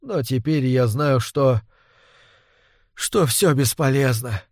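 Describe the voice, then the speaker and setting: A man's voice: medium pitch, animated, slow pace, no echo, studio quality. A man voicing a desperate, anguished husband pleading for help against a vampire. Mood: weary. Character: desperate middle-aged man haunted by a vampire. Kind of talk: audiobook character reading.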